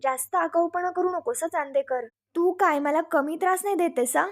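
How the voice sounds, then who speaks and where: A woman's voice: very high-pitched, moderate pace. A woman voicing a feisty young wife who answers back snappily while nervous. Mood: defiant. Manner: snappy, defensive.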